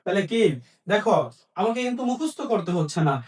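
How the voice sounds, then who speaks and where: A man's voice: sits high, animated, quick pace, darkish tone, distant mic. A male teacher giving an exam-prep grammar lesson, asking questions and answering them himself and repeating key points.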